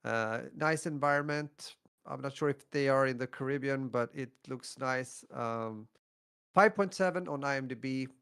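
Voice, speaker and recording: A man's voice: mid-range voice, moderate pace, a bit bright, smooth. A man with a French accent co-hosting a podcast, chatting casually and hesitantly about films he recommends. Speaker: podcast co-host.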